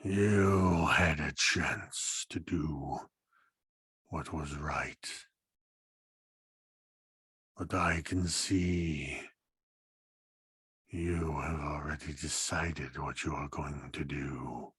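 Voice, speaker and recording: A menacing stone creature in a tabletop game, a very deep, thick gravel growl. Every phrase is drawn out slowly and sinks into breathy menace, recorded close and dry. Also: male voice, fairly even intonation, a bit bright, dry recording, heavily acted. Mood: cold accusation. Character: menacing faceless stone villain, slow and taunting.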